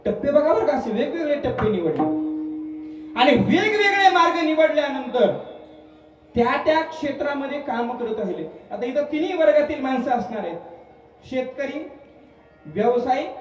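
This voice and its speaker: A man preaching a devotional kirtan sermon in a festival pandal, firing questions at the crowd and repeating phrases in a call-and-response cadence. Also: extremely high pitch. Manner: fires questions at the crowd, urging answers. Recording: echoey PA from far off, with music.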